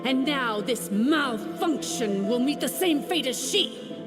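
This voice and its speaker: Scornful dragon lord villain, high voice, slow and grand, big reverby game audio. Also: female voice, lively intonation. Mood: menacing. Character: almighty dragon lord, haughty ancient female tyrant. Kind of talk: video game voice acting. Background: game music.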